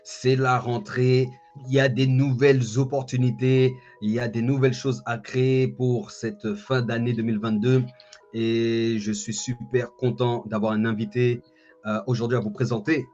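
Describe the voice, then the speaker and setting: A man in his thirties, the interviewer and host, runs a casual interview over video call from an indoor room with a bookshelf, often repeating his phrases. His medium-pitched voice is flat, a little mellow, at a moderate pace. The online call sounds dull and lo-fi, with music behind him.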